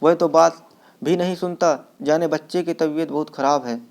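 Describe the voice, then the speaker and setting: A man's voice: a little high, fairly even intonation, normal speed, creaky, darkish tone. A man reading as a worried old mother.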